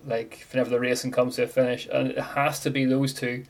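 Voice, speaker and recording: A man with a gravelly voice, hosting a casual sports podcast discussion. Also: medium pitch, little pitch movement, a little fast. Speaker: podcast host.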